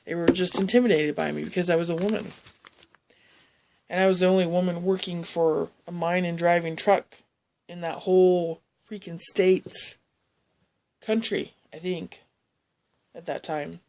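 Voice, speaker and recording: A woman telling a personal story in a halting, rambling way, often restarting her sentences. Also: lowish voice, steady tone, darkish tone.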